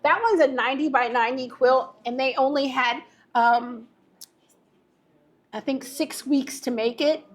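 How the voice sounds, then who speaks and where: A woman with a moderately high-pitched voice leads an informal tour. She explains in a halting manner, often stopping partway through a phrase before carrying on. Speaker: museum guide.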